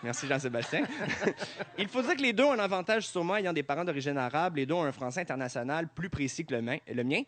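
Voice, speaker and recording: A man with a Québécois accent doing a stand-up comedy routine, animated and laughing often at his own jokes. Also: on the high side, fast, a little hiss or hum. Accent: Québécois French.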